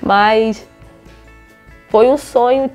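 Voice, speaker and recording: A young Brazilian woman, a footballer, chats in a relaxed interview. Her voice sits a little high, and she acts out the lines she quotes as she tells her stories. Soft music plays quietly behind her. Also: extremely slow. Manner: chatty storytelling, acts out quoted dialogue. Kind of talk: casual interview chat.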